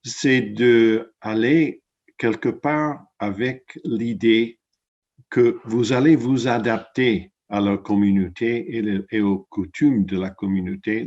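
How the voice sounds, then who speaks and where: A man gives panel advice very slowly, in halting, simple phrases. His voice is fairly low and the audio slightly muffled. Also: a little mellow.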